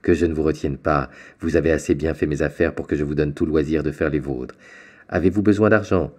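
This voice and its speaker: A man's voice: extremely low pitch, fairly quick, a little mellow. A man voicing a jovial, fatherly middle-aged shipowner in an audiobook, hearty and kindly. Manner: hearty, paternal.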